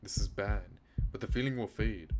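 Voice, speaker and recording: Speaking at a moderate pace in a fairly low, darkish voice, this man streams a game, shifting from narrating the story aloud to chatting casually. Soft music plays underneath, and clear background noise and rainfall fill the stream's ambience.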